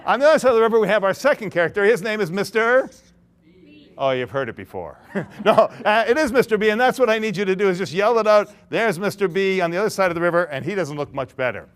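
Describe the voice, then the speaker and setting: A man's voice: high voice, very animated, quick pace. A man giving an interactive keynote talk to a large audience. He tells a story, acts out its characters and laughs often. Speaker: keynote speaker. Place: large conference hall.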